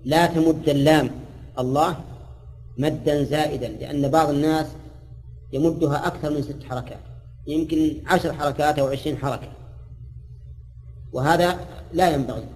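A man's voice: a little high, darkish tone. Older man lecturing in an echoing hall. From Saudi Arabia. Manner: explanatory, demonstrates recitation aloud, quizzes students. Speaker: Islamic scholar teaching a hadith commentary. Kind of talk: religious lecture. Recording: reverberant lecture hall recording.

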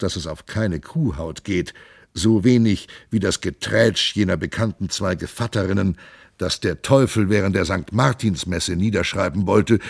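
Slow, measured male audiobook reader. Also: lowish voice, a little mellow, breathy edge, no echo, studio quality. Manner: measured, theatrical, deliberate. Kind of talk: literary reading of a classic novel.

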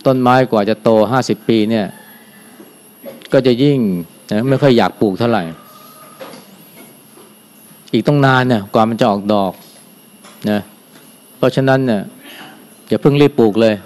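An older man, a Buddhist monk, giving a dharma talk in a calm, unhurried way, softly ending his phrases with a gentle particle. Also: medium pitch. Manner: calm, unhurried, adds a soft "na" at the end of phrases.

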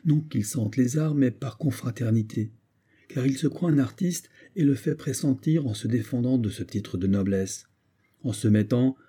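A man reading a classic story in a measured, ironic narration. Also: medium pitch, mellow, breathy edge. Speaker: audiobook reader. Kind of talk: scripted narration.

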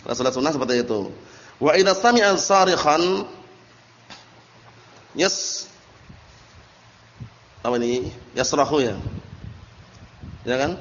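A male religious teacher explains a text line by line in a slightly high voice and stops often to ask his listeners questions. The audio is dull and lo-fi, with a faint hiss. His voice rings through a large, echoey hall. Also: a bit bright. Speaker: Islamic teacher. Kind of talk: religious study lesson.

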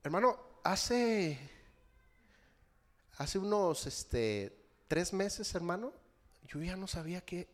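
Middle-aged man, Mexican accent, pastor preaching, animated sermon, calls everyone brother, fairly high voice. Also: takes it slowly, pauses often. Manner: animated, constantly addressing the congregation as brothers.

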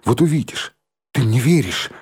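A man voicing an earnest, remorseful schoolboy who speaks in a halting confession. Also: medium pitch, expressive, darkish tone, breathy edge.

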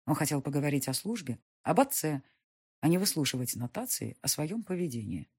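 A woman narrating a period novel as an audiobook, in an expressive storytelling manner. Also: sits low, brisk, husky.

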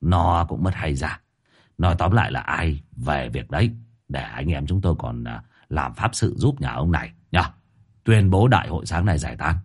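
A man doing a pompous, deep-voiced exorcist master. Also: animated, breathy edge, exaggerated voice. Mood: solemn. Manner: slow, solemn, mock-dignified.

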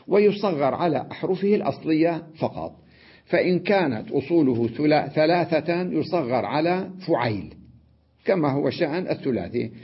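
A man teaching an Arabic grammar lesson, explaining step by step, checking in with his students and pausing on drawn-out fillers. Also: medium pitch, breathy edge. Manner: explains step by step, often asks "تمام؟" and adds "نعم"; drawn-out "آه" fillers between points. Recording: dull lo-fi lesson recording.

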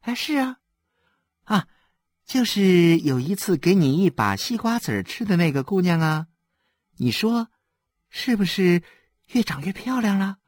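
A man's voice: sits high, big pitch swings, a little slow, pauses often, no room sound, studio quality, voice pushed up, heavily acted. A man voicing a chatty thirty-year-old mother who gossips and scolds, raising his voice well above his own. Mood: gossiping. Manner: gossipy, then exasperated.

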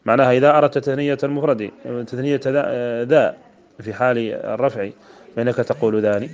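Male sheikh from Mauritania, quick grammar lesson, mid-pitched, recorded lo-fi. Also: steady tone, a little mellow. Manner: repeats and spells out word forms, chants quoted verses. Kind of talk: explaining a grammar poem line by line. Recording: dull lo-fi recording.

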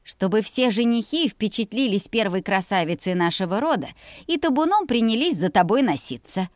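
A woman's voice: medium pitch, animated, normal speed, no room sound, studio quality, lightly acted. A woman voicing a stern mother who scolds and commands in a raised voice. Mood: scolding. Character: stern loud mother pushing her children to marry.

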